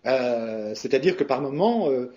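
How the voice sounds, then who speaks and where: Speaking slightly slowly in a mid-range, darkish voice with lively intonation, a man from France, a voice actor, fields interview questions as a guest. His replies wander casually, with many fillers and restarts. The recording sounds muffled and lo-fi.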